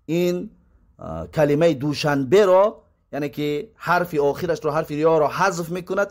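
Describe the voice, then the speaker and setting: A man with a Tajik accent teaching Arabic grammar, reading terms slowly and then explaining them. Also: high voice. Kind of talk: grammar lesson.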